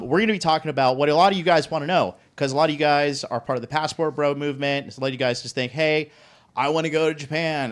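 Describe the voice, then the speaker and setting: A man hosting a live dating talk show, upbeat and hyping up his panel. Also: medium pitch. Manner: upbeat, hype-building. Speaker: host. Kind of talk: energetic podcast hosting.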